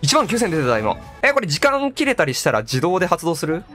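Male game streamer, higher-pitched, excitable live commentary, exclaiming and echoing game lines. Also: brisk. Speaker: gaming streamer. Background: game music and sound effects.

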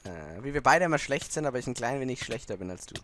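A man's voice: medium pitch, animated, quick pace, fairly bright tone, a little hiss or hum. A young man hosting a gaming video in casual chat, sweary and given to outbursts. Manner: crude, sweary, prone to outbursts. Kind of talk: casual Let's Play chat with joking singing.

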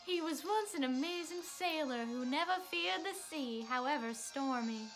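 A woman's voice: high voice, expressive, normal speed, faint music behind, low-quality recording. A woman voicing a chatty village woman in a video game, in a sing-song storytelling way. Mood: gossipy.

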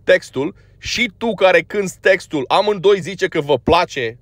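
A man from Romania delivers an opinionated monologue in a voice pitched a little above most men. He talks bluntly and scolds as he goes, with plenty of filler words. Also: fairly bright tone, no room sound. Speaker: music commentator.

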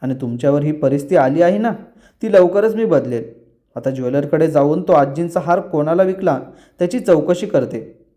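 A man's voice: a little high, moderate pace, mellow, close to an everyday voice. A man voicing an anxious, affectionate young wife while retelling a TV serial scene. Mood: caring. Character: caring young wife, clever and worried.

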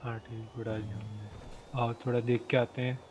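Brief: male streamer in game role-play, easygoing slangy banter, mid-pitched, over noisy game voice chat. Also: level tone, normal speed, darkish tone. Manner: laid-back, slangy banter.

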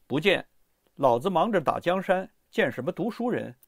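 A rough, quick-tempered male warlord who talks crudely and swears, as a narrator acts him out. The voice sits high and swings sharply, recorded dry and close. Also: sing-song, dry recording, heavily acted. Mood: dismissive.

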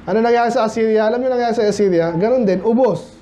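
This Filipino preacher speaks fast in a high, mellow voice at a midweek Bible study, mixing Tagalog with English and frequently quizzing the people in the pews. The setting is a church hall. The lo-fi recording sounds dull and carries a faint hiss.

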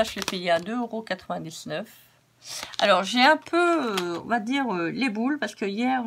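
A woman with a hoarse voice chatting casually through a craft-supply haul, repeating words for emphasis as she shows each item. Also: mid-range voice, slight background noise. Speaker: craft vlogger.

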